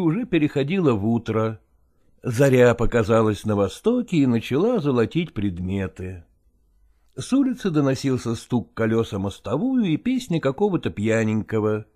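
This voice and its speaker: A narrator reading a story aloud in a measured, expressive way, lowering the voice for narration.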